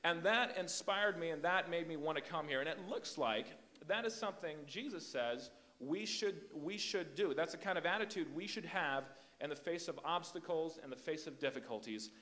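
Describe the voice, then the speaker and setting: A young man preaching to a youth group in a fairly high, lively voice. He grew up in Hong Kong and the Philippines. He talks in an animated, emphatic way and keeps repeating words as he builds each point. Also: normal speed, few pauses. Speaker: invited youth speaker. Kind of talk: youth sermon.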